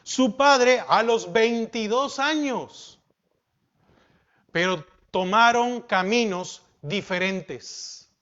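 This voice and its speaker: A man preaching a sermon as pastor, asking the congregation questions and dropping from loud emphasis to soft. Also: high-pitched, very slow, dull audio.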